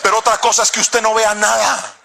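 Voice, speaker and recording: A middle-aged man from Cali with a Colombian accent, preaching a sermon and telling a story in an animated, theatrical way with sudden shouts. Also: sits high, fairly quick, gravelly. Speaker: pastor.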